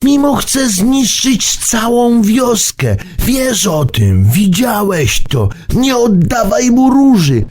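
A bewitched rainbow creature in a storybook, high-pitched and pressing, coaxing with an eerie urgency as a man puts her on. Her voice is husky and swings widely in pitch. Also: very animated, slow pace, hardly any pauses, darkish tone, full character voice. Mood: urgent.

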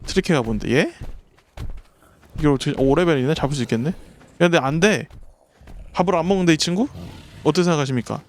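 Excitable man streaming a dinosaur game. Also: on the high side, fast talker, long pauses, a little hiss or hum. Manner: excitable, yelps and swears when startled; talks to the creatures and the chat while playing. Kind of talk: live gameplay commentary.

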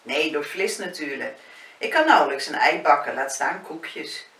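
A woman's voice: low-pitched, expressive, moderate pace, a bit bright. A woman reading the lines of a curious, candid young therapist in a spoken novel. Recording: roomy, distant, faint hiss.

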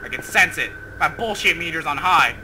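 A young man with a slightly high, expressive voice talks at normal speed over some background noise. Sitting at his desk at home, he plays a horror game for a let's play, panicking, screaming and swearing constantly.

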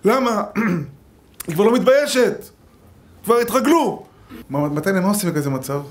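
A man's voice: high-pitched, big pitch swings. A man, a rabbi giving a Torah lesson, telling stories with acted-out quotes and jokes.

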